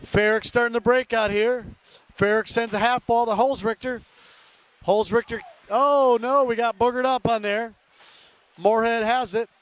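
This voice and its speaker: High voiced guy doing local hockey play by play, short choppy calls, total homer. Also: steady tone, moderate pace, clean tone. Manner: partisan, rooting for home team; clipped phrases naming players. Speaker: play-by-play commentator. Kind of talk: amateur hockey commentary. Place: indoor ice rink, from the stands.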